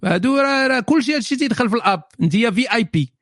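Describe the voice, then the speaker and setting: Moroccan man, high voice, quick mocking monologue, dry close sound. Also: expressive, fairly bright tone, no echo. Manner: sarcastic, mocking, rapid-fire. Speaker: host answering viewer questions. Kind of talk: solo monologue to camera.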